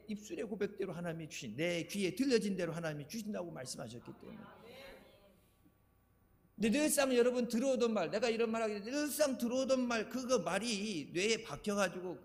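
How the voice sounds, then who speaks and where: An older man from Chungcheong preaching a sermon, telling chatty anecdotes and laughing at his own stories. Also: high voice. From Chungcheong, Korea. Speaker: pastor. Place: church sanctuary. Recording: echoey church hall reverb.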